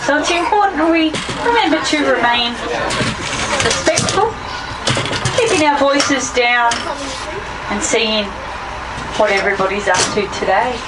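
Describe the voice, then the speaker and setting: A woman's voice: on the high side, expressive, a little slow, long pauses, over loud music. A woman working as a safari guide, giving tour commentary with instructions and playful prompts to her passengers. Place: moving open-windowed safari vehicle. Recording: distant voice, very loud vehicle noise. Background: loud vehicle and outdoor ambience.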